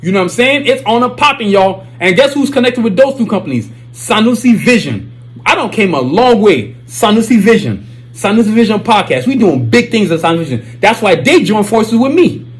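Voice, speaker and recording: A man with a Nigerian accent hosts his own podcast, chatting casually and reading sponsor plugs. His high-pitched voice moves fairly quickly, and he's animated and repetitive, full of catchphrases and constantly saying "you know what I'm saying".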